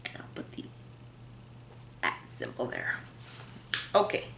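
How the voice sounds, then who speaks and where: A woman's voice: very deep voice, huge pitch swings, unhurried, gravelly, a bit bright, in a whisper. A woman chatting casually to her camera at home, rambling, self-deprecating and laughing often. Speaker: vlogger. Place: room at home. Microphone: built-in camera mic. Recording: echoey room.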